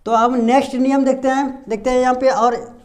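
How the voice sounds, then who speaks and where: A man from India teaching English pronunciation, slowly explaining each rule and answering his own questions. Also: very high-pitched, steady tone. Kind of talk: slow explanatory lesson with repeated questions.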